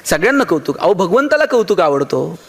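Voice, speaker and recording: High-voiced Marathi motivational speaker. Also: male voice, very animated, brisk, gravelly. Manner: storytelling with acted dialogue and humor. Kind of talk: motivational speech.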